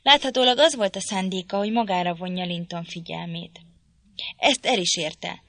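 A woman with a low-set but bright, forceful voice reads a classic novel aloud. Her delivery is measured and even, in close, dry sound with no room around it. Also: dry recording. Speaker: audiobook reader. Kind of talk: literary audiobook narration.

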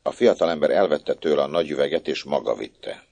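A man reads a story aloud with an extremely deep, gravelly voice. His telling rises and falls vividly as he moves between characters. The sound is close and dry. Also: dry recording. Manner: expressive, voicing characters. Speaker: narrator.

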